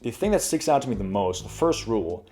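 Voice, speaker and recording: A man's voice: medium pitch, sing-song, fast, dark tone. A young man in his twenties hosting a casual pronunciation lesson, chatty and full of fillers, demonstrating sounds as he goes. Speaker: language tutorial host.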